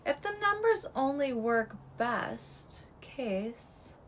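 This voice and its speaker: Slow, clipped woman with a strained voice. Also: on the high side, big pitch swings, a little hiss or hum, rough recording. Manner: clipped, terse delivery in short fragments. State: voice giving out, strained. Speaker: real estate agent. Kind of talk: scripted market breakdown.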